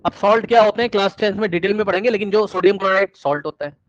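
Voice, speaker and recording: High-voiced, energetic male teacher. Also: rapid-fire, no echo, dull audio. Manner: energetic, keeps checking with "ठीक?" and coaxing answers. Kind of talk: classroom chemistry lecture.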